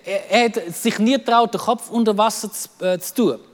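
A man with a Swiss German accent preaching a lively sermon, acting out quoted voices and repeating words as he goes. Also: high-pitched, normal speed, in a large hall. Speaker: pastor.

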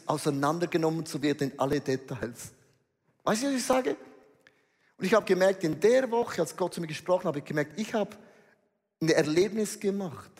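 A man's voice: sits high, gravelly. A man preaching a sermon to a congregation, emphatic and slangy, dropping in English phrases. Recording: reverberant hall.

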